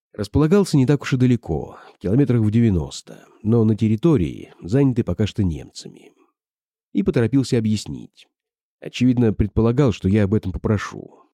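A man narrating a first-person audiobook in a measured, storytelling delivery. His voice sits low and is very dark and mellow, but his pitch moves in lively swings. The sound is close and dry. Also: no room sound. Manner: measured, storytelling delivery that shifts into character dialogue.

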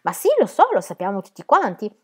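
A woman's voice: mid-range voice, sing-song, brisk, husky. A woman reading a novel aloud, voicing a quarrelsome drunk man who picks a fight in a diner. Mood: drunken. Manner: loud, blustering.

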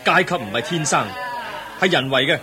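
An actor playing the young prince Siddhartha in a radio play, earnest and indignant. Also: male voice, fairly high pitch, lively intonation, normal speed, music in the background, lightly acted. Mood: resolute. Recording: market crowd sound effects behind. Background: crowd murmur.

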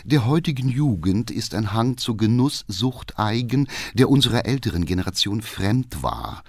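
A man playing a low, moralizing school director. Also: expressive, moderate pace, husky, no room sound. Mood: preachy. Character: lecturing older male school director.

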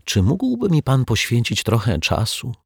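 A man voicing an embarrassed, unsure male client in a children's story, talking quietly and hesitantly. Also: mid-range voice, huge pitch swings, normal speed, vocal fry, slightly rough, dry recording, clean studio sound, pitched above the performer's own voice, full character voice. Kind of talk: storybook character voice.

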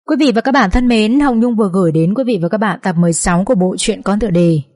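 Woman audiobook narrator, mellow warm voice, measured expressive reading. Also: mid-range voice. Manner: measured, expressive, first-person storytelling. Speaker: story narrator.

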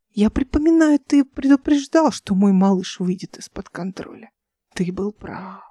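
A scheming male overlord from an audiobook taunts in a low, hissing half-whisper, as a woman reads him. The tone stays mellow and the recording is close and dry. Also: no room sound, lightly acted.

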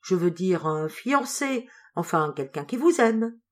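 A woman voicing a gentle middle-aged lady who employs seamstresses, with a soft, kindly, slightly hesitant manner. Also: fairly low pitch, lively intonation, a little slow. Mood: gently curious.

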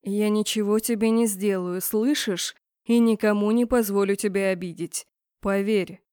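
A woman voicing a brooding, possessive male mage rector who murmurs slowly and huskily. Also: medium pitch, fairly even intonation, dry recording, studio quality, close to an everyday voice. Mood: hushed, possessive. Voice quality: husky. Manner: slow hushed murmur.

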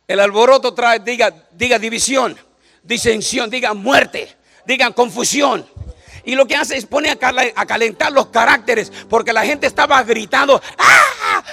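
High-voiced, gravelly preacher man. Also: pushed and bright. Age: 50s. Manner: joking, calls out to the audience with repeated "right?". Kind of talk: comedic sermon to a congregation.

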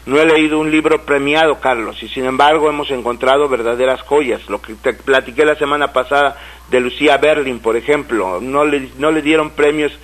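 A Mexican man co-hosting a casual radio talk show, an animated storyteller who restarts and repeats words as he goes. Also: medium pitch, fairly quick, low-quality recording. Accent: Mexican Spanish. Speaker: radio co-host and writer. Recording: radio broadcast.

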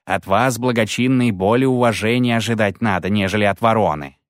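A man's voice: lowish voice, fairly quick, dry recording, clean studio sound, lightly acted. A male narrator voicing a huge gloomy village headman with blunt, rustic speech in an audiobook. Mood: gruff.

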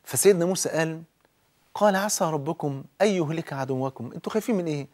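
A man with an Egyptian accent giving a colloquial religious talk, speaking straight to the listener and slowing down to quote scripture. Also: fairly high pitch, darkish tone. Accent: Egyptian Arabic. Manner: exhorting, addresses listener directly, quotes scripture slowly. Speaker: preacher.

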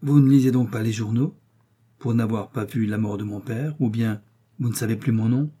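A man voicing a kind, modest doctor who speaks in a gentle, measured way in an audiobook. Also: medium pitch, breathy edge, close to an everyday voice. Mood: anxious. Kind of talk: audiobook character voice.

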